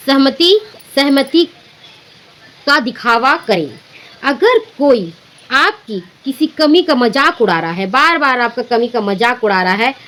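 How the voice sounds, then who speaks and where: A woman's voice: high-pitched, fairly bright tone, a little hiss or hum, rough recording. A woman giving an unscripted motivational talk with an earnest, instructive manner. She often repeats and restarts her phrases. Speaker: motivational speaker.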